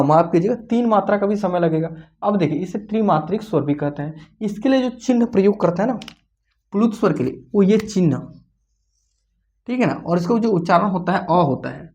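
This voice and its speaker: Teacher, online exam-prep lesson, rhetorical questions, repetitive, slow careful sounding-out of vowels. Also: medium pitch, a little mellow. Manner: asks the class questions and answers them, repeating key points; slows down to say the vowel sounds out clearly. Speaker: Hindi grammar teacher.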